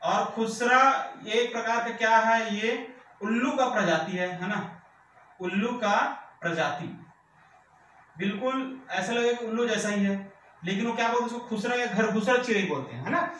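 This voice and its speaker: A man with a high voice runs a vocabulary lesson for exam students. He repeats every term after a quick rhetorical question and checks whether the class has understood. He sounds distant from the mic, in a very echoey room with faint background noise. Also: a bit bright. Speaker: teacher.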